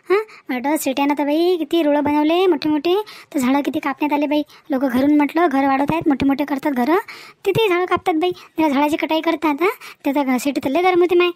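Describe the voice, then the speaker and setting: A woman voices a chatty, sharp-tongued village housewife in a comic cartoon, speaking with a rural Varhadi accent from Maharashtra. Her delivery is high-pitched, emphatic and gossipy, only lightly acted, and the recording is dry.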